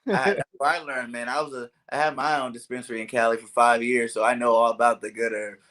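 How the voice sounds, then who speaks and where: A man's voice: mid-range voice, steady tone, quick pace, a bit bright. A man from California hosting a casual sports podcast over a video call, laid-back and rambling with lots of "you know what I'm saying". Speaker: podcast host.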